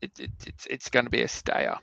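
An Australian man co-hosting a podcast of casual sports betting chat, with a hesitant, halting delivery. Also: sharp tone, no echo. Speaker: podcast co-host. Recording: dull, close dry sound.

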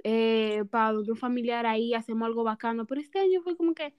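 A young woman co-hosting a podcast, talking quickly and expressively. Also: on the high side, clean tone, dry recording, muffled recording. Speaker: podcast co-host. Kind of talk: casual chat.

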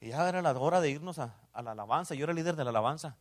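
Mexican Spanish preacher man, hushed then loud. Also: fairly high pitch, animated, racing. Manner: swings between hushed asides and loud exclamations, repeats "amén". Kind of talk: sermon.

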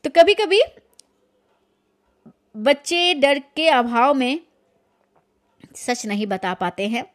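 Woman, high-pitched voice, storyteller, reads aloud, reflective afterword. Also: animated, takes it slowly, pauses often. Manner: reads dramatically, then comments with fillers. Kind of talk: reading a short story aloud.

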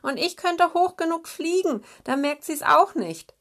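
A woman's voice: lowish voice, lively intonation, measured pace. A woman voicing a small, defiant female snow grouse with a shaky voice.

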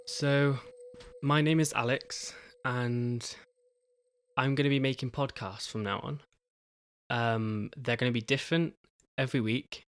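A young man hosting his own podcast in a casual solo talk, halting, with many pauses and restarts. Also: mid-range voice, steady tone, clear, resonant tone, no echo. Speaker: podcast host.

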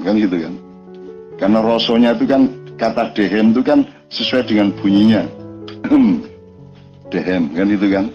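A man's voice: lowish voice, darkish tone, muffled recording. A man from East Java with an East Javanese accent, giving an informal religious lecture in a rambling, conversational way full of rhetorical questions. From East Java, Indonesia. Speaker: religious speaker.

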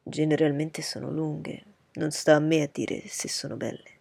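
A proud, reserved aristocratic gentleman from a storybook reading speaks coolly, weighing each word as he lectures, as a woman reader puts him on. The tone is low, husky and dark, recorded dry and close. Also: little pitch movement, no echo, heavily acted. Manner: cool, measured, lecturing.

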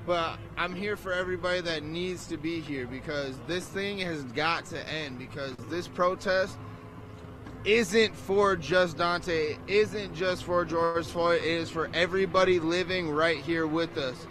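A man's voice: a little high, measured pace, noisy background. A man protester in a street interview, choked up, speaking earnestly and emotionally outdoors.

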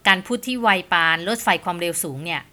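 A woman host giving a scripted podcast lesson on communication, polite and measured, with punchy short lists. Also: fairly low pitch, expressive. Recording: soft music bed behind the voice.

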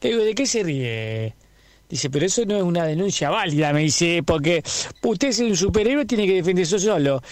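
A man's voice: high-pitched, sing-song, normal speed, no room sound. A man with an Argentine accent playing a bumbling, boastful superhero who is afraid of everything, rambling through a radio comedy sketch and acting out each voice in his tale. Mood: rambling, comic. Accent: Argentine Spanish.

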